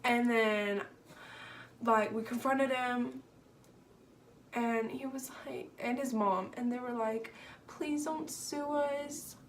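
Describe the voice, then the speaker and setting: A young woman telling a personal story on her vlog in an animated, exasperated way, full of fillers. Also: a little high, takes it slowly, pauses often, slight background noise. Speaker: vlogger.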